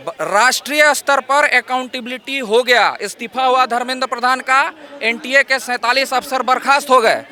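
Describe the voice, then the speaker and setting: A man's voice: very high voice, sharp tone. A man, a protesting exam candidate, arguing his point with rhetorical questions in a street interview outdoors.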